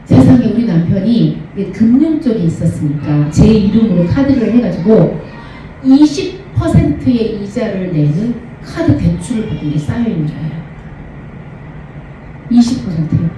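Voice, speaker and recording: A middle-aged woman giving a church testimony, telling her story in an earnest, animated way. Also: on the high side, a little hiss or hum. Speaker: church lay ministry speaker. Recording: very echoey hall from far off.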